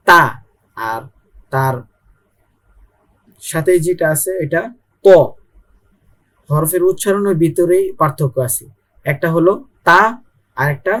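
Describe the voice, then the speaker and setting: A young man with a Bangladeshi Bengali accent and a voice on the high side teaches Arabic letters in an online Quran lesson. He patiently repeats and drills each sound.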